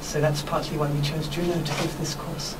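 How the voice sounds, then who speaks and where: A woman being interviewed on radio as a workshop teacher, explaining spiritual ideas in an earnest, reflective, measured way. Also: low voice, level tone. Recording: noisy, distant microphone.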